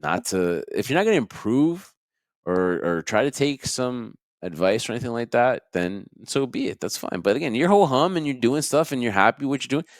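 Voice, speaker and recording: A man co-hosting a podcast, chatting casually about wrestling in a rambling, animated way. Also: mid-range voice, brisk, no echo, studio quality. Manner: animated, rambling, laughs often. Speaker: podcast co-host.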